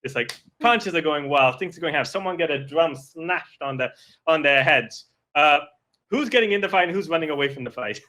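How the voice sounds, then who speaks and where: A man narrating and running a tabletop role-playing game as game master, casual and quick. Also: fairly high pitch, animated, bright, forceful tone. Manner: quick, loose narration with voiced side characters.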